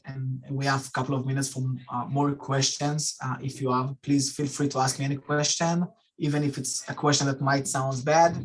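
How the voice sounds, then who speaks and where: Halting young man on a video call. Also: medium pitch, poor audio. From Israel. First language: Russian. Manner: halting, many fillers and restarts. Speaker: guest speaker. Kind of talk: casual talk and Q&A.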